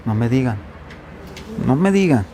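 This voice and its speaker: A pastor from Mexico's Veracruz coast gives an informal Bible-study sermon with a faint Veracruz accent, often putting questions to the congregation. His medium-pitched voice is expressive and unhurried, with crowd noise behind him.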